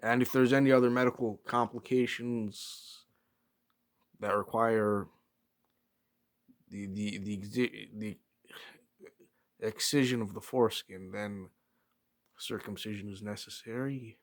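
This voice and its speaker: A man giving a rambling, casual opinion talk as a solo vlogger, hesitant and often pausing to search for words. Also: fairly low pitch, steady tone.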